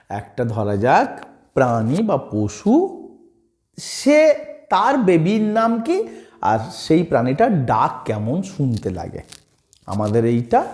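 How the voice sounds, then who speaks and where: A man's voice: on the high side, a little mellow, roomy sound. A man teaching children English, asking questions and answering them himself, with English phrases mixed in. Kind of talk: explaining a children's English lesson.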